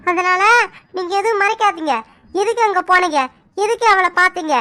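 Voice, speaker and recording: A woman's voice: extremely high pitch, fairly quick, bright, forceful tone. A woman voicing a suspicious young village wife in a cartoon, accusing and insistent. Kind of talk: cartoon voice acting.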